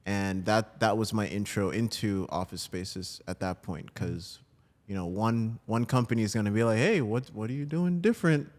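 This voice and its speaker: A man from New Jersey, guesting on a podcast, talks easily about his career as a breathwork coach in a fairly low voice at a moderate pace.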